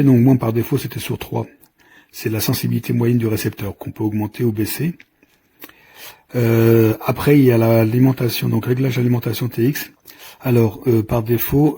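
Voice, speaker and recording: With slight noise in the background, this product reviewer has a gravelly, warm, mid-range voice. He's improvising an informal demo, handling the product and explaining hesitantly as he goes along.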